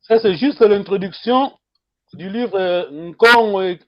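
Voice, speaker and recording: Slow, high-voiced male language teacher. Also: muffled recording. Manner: slow, switches languages, laughs often. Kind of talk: live-streamed language lesson.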